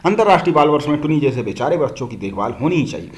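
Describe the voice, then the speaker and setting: A man's voice: on the high side, big pitch swings, very fast. A male teacher reading a textbook story aloud to pupils, acting out the dialogue and stopping to explain.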